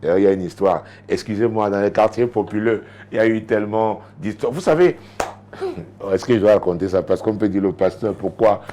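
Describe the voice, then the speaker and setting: A male pastor giving marriage advice in a lively talk show, telling stories with frequent laughter and sudden excited rises in his voice. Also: normal speed, a little hiss or hum. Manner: animated, joking, laughs often, rises sharply in pitch when excited.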